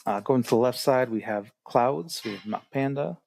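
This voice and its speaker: Gravelly-voiced man explaining a game. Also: mid-range voice, moderate pace, a little mellow, slight background noise. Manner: explanatory, many "uh" fillers. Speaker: tournament organizer and caster. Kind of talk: casual game commentary.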